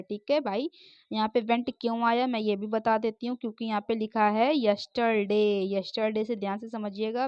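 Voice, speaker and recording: A woman teacher going through multiple-choice exam questions, reading English sentences slowly and explaining answers. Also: medium pitch, clear, resonant tone, no echo. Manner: frequent "ok, next dekhiye" refrains. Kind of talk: exam-prep lesson, reading MCQ options and answers. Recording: dull, dry, lo-fi sound.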